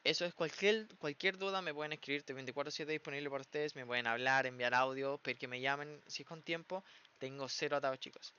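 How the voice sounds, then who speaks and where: Young male teaching assistant, chatty and encouraging, forceful crisp delivery, muffled lo-fi audio. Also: fairly high pitch, quick pace. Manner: chatty and encouraging, mixes English terms into Spanish. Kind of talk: casual online tutoring session. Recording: muffled lo-fi recording.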